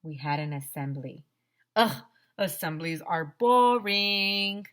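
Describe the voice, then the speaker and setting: Reading slowly through a headset microphone, a middle-aged teacher shares a children's chapter book from a small decorated room. She has a fairly low voice and tells the schoolboy's first-person tale the way a kid would. Her delivery is animated, with expressive, theatrical stress.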